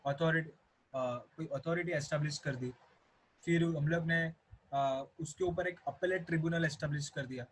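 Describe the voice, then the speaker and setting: A man's voice: a little high, steady tone, moderate pace, a little hiss or hum, low-quality recording. A young man with an Indian accent explains a law to students in a recorded lecture and repeats key points often. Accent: Indian English. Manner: explanatory, repeats key points, mixes English terms into Hindi. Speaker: teacher.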